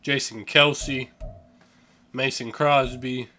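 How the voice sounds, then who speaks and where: A man's voice: mid-range voice, fairly even intonation, slow pace, sharp tone, faint music behind. A young man giving casual, offhand commentary over a sports video game, yawning and sleepy, swearing now and then and stumbling over names. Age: young adult. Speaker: gaming channel host.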